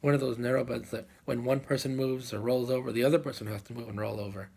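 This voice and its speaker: A man telling a folk tale aloud as a live storyteller, unhurried, with dramatic pauses and repeated phrases. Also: medium pitch, steady tone, vocal fry, a little mellow, slightly rough.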